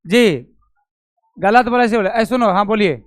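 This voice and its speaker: A man with a Bihari Hindi accent teaches a physics class, his voice high and smooth. He fires questions at the students, calls them by name and says each step twice. The sound is close and dry. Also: moderate pace, no room sound. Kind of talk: classroom lecture.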